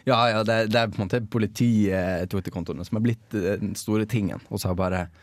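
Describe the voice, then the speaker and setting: Male student-radio co-host, hesitant and chatty, low voice, dry mic. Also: fairly even intonation, no echo. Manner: rambling, hesitant, with many fillers. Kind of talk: casual radio chat.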